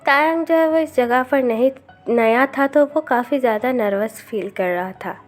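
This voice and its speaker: A woman narrating a fan story aloud in steady storytelling. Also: sits high, normal speed, soft background music.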